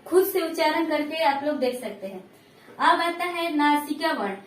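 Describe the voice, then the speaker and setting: A woman's voice: sits high, expressive, moderate pace, echoey room, distant mic. A woman teaching a lesson, patiently repeating points and checking that her students follow. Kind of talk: classroom lesson.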